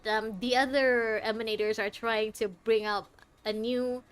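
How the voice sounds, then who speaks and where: A young woman streaming a game, chatting to viewers with lots of laughter and excited reactions. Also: on the high side, unhurried, smooth. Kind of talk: live gameplay commentary.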